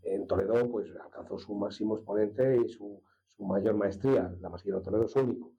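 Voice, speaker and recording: A man from La Mancha, a master swordsmith, explaining his craft in an unhurried conversational way, with hesitations and restarts. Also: fairly low pitch, dull audio. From La Mancha, Spain. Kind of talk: conversational interview.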